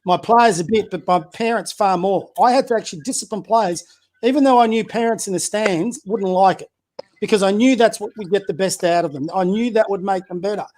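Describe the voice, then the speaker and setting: Speaking briskly and a bit mellow, a high-pitched podcast guest who coaches community basketball gives blunt political opinions in casual chat. He fires rhetorical questions and keeps restarting as he works toward his point.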